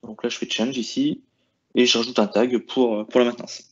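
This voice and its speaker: A man talks through a technical configuration as he clicks along, pausing often with fillers and restarting phrases. His voice sits at an ordinary middle pitch. The mic sounds slightly dull and lo-fi. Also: level tone, breathy edge. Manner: hesitant, many "euh" and restarts while clicking through settings. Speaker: IT presenter. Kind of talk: screen-share tech walkthrough.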